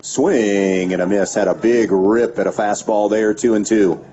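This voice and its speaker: A man calling a high school baseball game play by play on local radio, giving steady pitch-by-pitch calls with stats between pitches. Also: measured pace. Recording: dull lo-fi radio broadcast with faint background noise.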